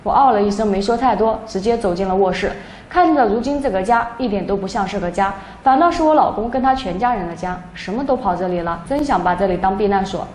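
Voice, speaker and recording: A young woman narrating a first-person story in a plain, steady way. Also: medium pitch, fast talker, hardly any pauses. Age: young adult. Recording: echoey room, faint background noise.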